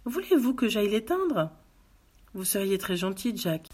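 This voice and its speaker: A woman voicing a soft-spoken widow who pleads sweetly and quietly schemes. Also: mid-range voice, very animated, measured pace, slightly rough, pitched above the performer's own voice. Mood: pleading.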